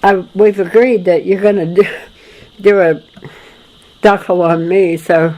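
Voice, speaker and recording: An older woman from Florida in the United States telling her family history in a casual, rambling way, with many restarts and soft chuckles. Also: fairly low pitch, steady tone, a little slow, poor audio. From Florida, USA. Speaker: documentary photographer recalling family history. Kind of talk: casual spoken memoir to a friend.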